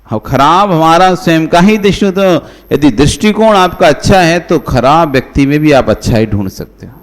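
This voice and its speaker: High-voiced monk preaching in a reverberant hall. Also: male voice, animated, normal speed. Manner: conversational, asks the listeners rhetorical questions; addresses listeners by name. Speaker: monk giving a sermon. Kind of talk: devotional sermon.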